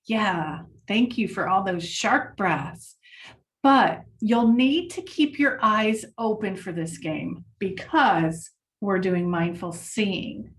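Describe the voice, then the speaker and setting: A woman leading a children's mindfulness lesson, speaking gently and encouragingly to the class. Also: medium pitch, expressive, slow, recorded from a distance.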